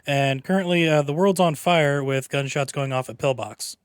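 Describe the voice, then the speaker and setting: A man's voice: fairly high pitch, normal speed, clean tone, dry recording. A man playing a desk agent, curt and defensive, speaking emphatically in character. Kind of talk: in-character roleplay.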